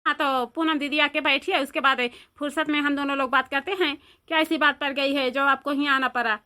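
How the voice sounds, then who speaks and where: Brief: woman as a polite Awadhi daughter-in-law, bright and high. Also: steady tone, fairly quick. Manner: polite, welcoming.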